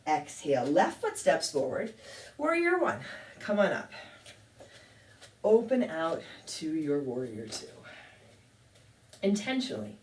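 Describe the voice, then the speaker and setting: A woman teaching a yoga class, calmly calling out poses and breaths with a touch of self-deprecating humor. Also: deep voice, slow pace, long pauses, a little hiss or hum. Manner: calm cueing with light self-deprecating humor. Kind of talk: guided yoga class instruction. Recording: echoey room, mic at a distance.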